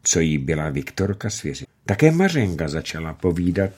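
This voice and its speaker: A man narrating a classic story aloud in a measured, expressive way. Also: deep voice, husky.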